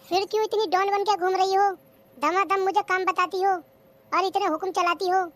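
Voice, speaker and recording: A performer doing a cheeky young daughter-in-law, high and squeaky. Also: female voice, steady tone, normal speed, very noisy. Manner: cheeky, answers back, sulky grumbling. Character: lazy, cheeky young daughter-in-law who talks back. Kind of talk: cartoon comedy skit.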